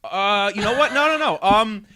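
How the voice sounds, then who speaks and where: A man's voice: high voice, animated, normal speed, pushed and bright. A man co-hosting a podcast, telling a rambling, profane story in casual chat. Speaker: podcast co-host.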